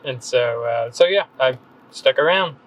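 A man's voice: medium pitch, animated, measured pace, low-quality recording. A man in his thirties from North Carolina, a podcast guest talking casually with many ums and restarts. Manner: hesitant, rambling, frequent ums and restarts. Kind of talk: casual conversational interview.

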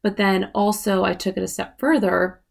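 Talking solo on her podcast at a moderate pace, a woman in her late thirties keeps a steady tone in a mid-range voice with vocal fry. She's chatty and casual, filling her speech with "like" and "you know what I mean."

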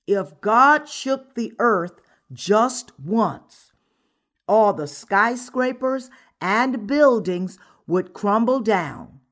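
Woman, mid-pitched and unhurried, for an earnest scripted sermon reading. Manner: measured, earnest delivery. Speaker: sermon reader.

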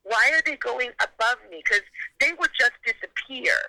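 A woman calls in and is heard through a phone set on speaker. Her voice is high, sharp and tense, with a gravelly fry at the ends of phrases. She talks in an excited, rushed, spooked way. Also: dry recording, low-quality recording. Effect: heard over a phone on speaker. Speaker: caller. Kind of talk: casual phone call.

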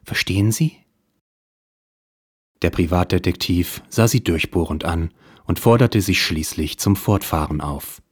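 Man, deadpan noir parody narration, very deep voice, husky. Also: moderate pace, no echo. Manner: deadpan, dry.

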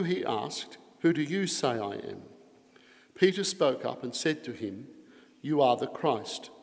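A man serving as priest reads the gospel and then preaches a homily with earnest emphasis, his voice carried by a cathedral echo. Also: a little high. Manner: earnest preaching with strong emphasis on key phrases. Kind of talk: Mass gospel reading and homily. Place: large church. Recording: long echoing reverb of a large church.

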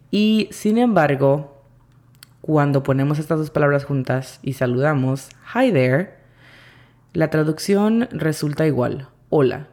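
Low-voiced, slow woman teacher. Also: a little mellow. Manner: slow, careful, spells out sounds letter by letter. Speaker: English teacher. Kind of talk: language lesson.

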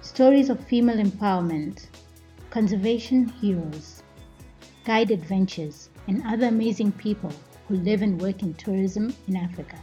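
A woman's voice: medium pitch, moderate pace, warm tone, faint music behind, rough recording. A woman hosting a podcast, reading a scripted introduction in an upbeat announcer manner. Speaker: podcast host.

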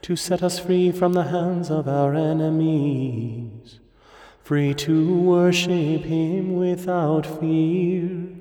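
A man leads morning prayer in a slow, even intonation, his mellow voice half-spoken and half-chanted. A cathedral echo carries every phrase through the long reverb of a large church, with faint music somewhere behind him. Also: on the high side. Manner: measured, intoning responses and prayers. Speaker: officiant leading morning prayer. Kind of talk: liturgical recitation, partly chanted.

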